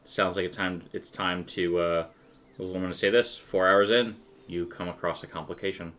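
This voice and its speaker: Man, very low pitch, bright forceful tone, game master, conversational tabletop narration. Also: steady tone, normal speed.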